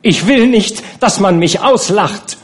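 A man reading a novel aloud and voicing a tipsy, indignant young courtesan woman who bursts out shrilly. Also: slow pace. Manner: shrill outbursts, then gushing tenderness. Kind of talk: audiobook character reading.

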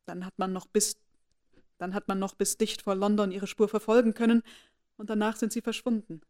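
A woman's voice: mid-range voice, little pitch movement, a little fast, a little mellow, natural voice. A woman reading aloud, voicing a distressed young lady who speaks urgently and falters near tears. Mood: despairing. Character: distressed young lady, anxious for her sister.

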